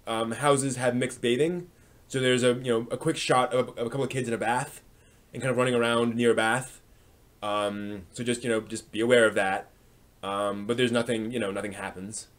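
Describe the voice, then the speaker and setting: The speaker is a man with a mid-range voice running a live stream. His unscripted, easygoing talk to viewers often drifts into hesitant, rambling thinking aloud.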